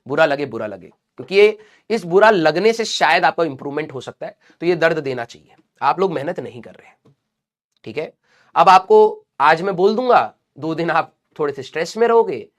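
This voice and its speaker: A male teacher speaks with a Hindi accent in a fairly high voice. He is unwell and talks slowly, but still lectures and scolds his students, calling them "beta.". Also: lively intonation. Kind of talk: lecturing students in a live class.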